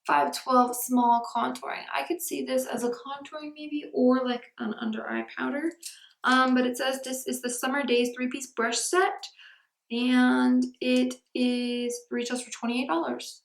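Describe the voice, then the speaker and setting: A woman chatting casually as a beauty vlogger unboxing products. She often drops to a soft near-whisper, and her voice echoes because she is recording in a room without a proper mic. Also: high voice, creaky.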